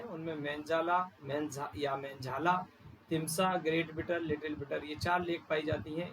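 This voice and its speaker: A male teacher giving an exam-prep geography lecture, pointing at a map and slowly repeating and spelling out place names. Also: on the high side, a little hiss or hum, low-quality recording.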